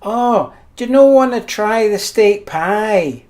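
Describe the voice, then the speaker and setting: A Scottish man putting on his mother's voice as a fussy, coaxing middle-aged woman, high and sing-song. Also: lively intonation, takes it slowly, darkish tone.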